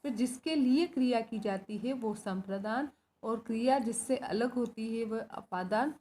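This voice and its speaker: A woman's voice: on the high side, unhurried, mellow. A woman teacher giving a recorded school lesson, explaining step by step, asking her own questions and answering them, and often checking in with "right?". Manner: often adds "है ना" to check understanding.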